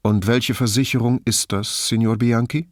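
A man reading aloud and voicing a calm, probing police commissioner with a dry, offhand manner. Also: medium pitch, moderate pace, no room sound, lightly acted.

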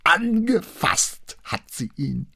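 A man's voice: fairly low pitch, animated, unhurried, darkish tone, slightly rough, no echo, clean studio sound, pitched above the performer's own voice, exaggerated voice. A man voicing a proud, agitated married woman who confesses in a pressed, indignant tone. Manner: pressed, indignant, self-righteous.

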